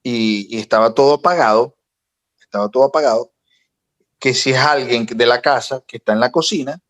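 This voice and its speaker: A young man, co-host of a talk podcast, telling a personal story in a casual, animated way that builds in intensity. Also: mid-range voice, brisk. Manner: animated, recounting with rising intensity.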